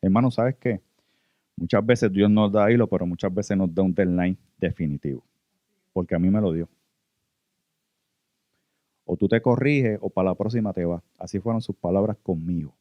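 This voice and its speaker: Puerto rican guy preaching, lowish voice, dry and kinda dull sound. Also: moderate pace, pauses often, dry recording. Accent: Puerto Rican Spanish. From Puerto Rico. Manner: earnest, addresses listeners as brothers. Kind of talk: sermon testimony.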